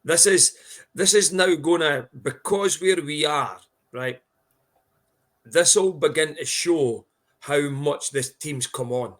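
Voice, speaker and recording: Bright-voiced man with a broad Scottish accent. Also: on the high side, slow pace. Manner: sweary, blunt, colloquial. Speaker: podcast co-host. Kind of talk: casual sports chat.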